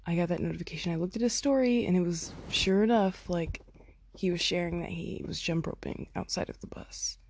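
A woman's voice: lowish voice, brisk, darkish tone. A young woman telling a long concert story into her phone, chatty and full of "like" and "oh my God", acting out what people said. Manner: chatty, lots of "like" and "oh my God", acts out quotes. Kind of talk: casual storytelling.

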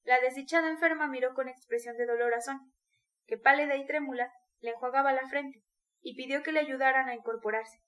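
A woman narrating a classic novel aloud in a measured, even storytelling voice. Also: high-pitched. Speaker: audiobook narrator. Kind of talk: scripted literary narration.

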